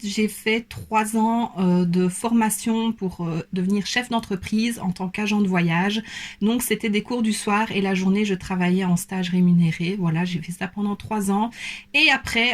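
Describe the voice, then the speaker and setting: A young woman from Belgium with a light Belgian French accent, answering viewer questions in a casual vlog with many hesitant fillers. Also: medium pitch. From Belgium, Liège province. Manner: hesitant, many fillers, soft and self-conscious. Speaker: beauty YouTuber.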